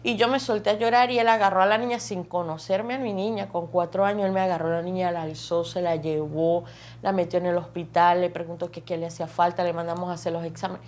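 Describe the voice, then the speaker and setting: A woman's voice: lowish voice, steady tone, fast, darkish tone. A woman, giving an emotional personal testimony in vivid, repetitive storytelling that piles up phrases. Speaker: testimony guest.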